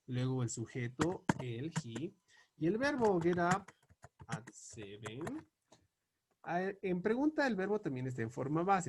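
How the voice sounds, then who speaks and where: Slow, lively-voiced male teacher. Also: fairly high pitch, background noise. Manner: slow, deliberate, spells out examples word by word. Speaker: English teacher. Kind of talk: explaining grammar on a board.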